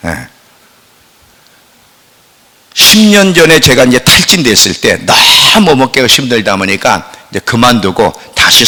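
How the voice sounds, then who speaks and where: Animated male pastor preaching in a reverberant hall. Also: mid-range voice. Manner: animated preaching, swinging from loud outcries to hushed asides. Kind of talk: sermon. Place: church sanctuary. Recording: long church hall reverb.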